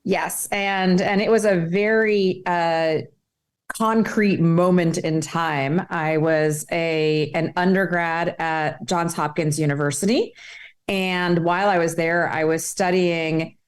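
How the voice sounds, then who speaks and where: A middle-aged woman from Egypt, guest on a podcast, with a notably low voice for a woman. She recounts her path in a thoughtful, measured way, taking her time over each point. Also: fairly even intonation. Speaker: guest, public health specialist and author. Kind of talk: podcast interview.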